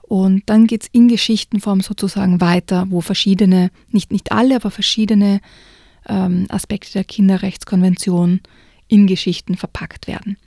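Woman with a gravelly, husky, warm voice. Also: mid-range voice, fairly even intonation, moderate pace, no echo, studio quality. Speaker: book reviewer. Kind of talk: reading a children's book aloud and discussing it.

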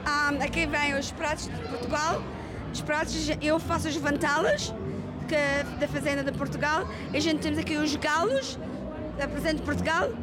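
A middle-aged or older woman, a stallholder who talks haltingly and slips in English words. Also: high-pitched, steady tone. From Madeira, emigrated to Australia at seven. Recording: loud music and crowd, outdoor festival.

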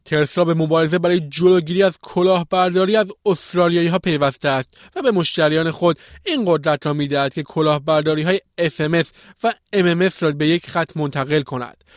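Higher-voiced man reading news, dry sound. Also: no room sound. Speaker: podcast news presenter.

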